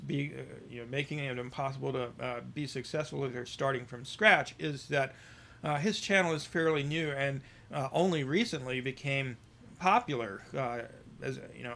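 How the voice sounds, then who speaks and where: A male podcast host giving casual commentary on news stories, reading out quotes and talking haltingly with many fillers, his volume rising and falling. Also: mid-range voice, creaky, a bit bright, a little hiss or hum.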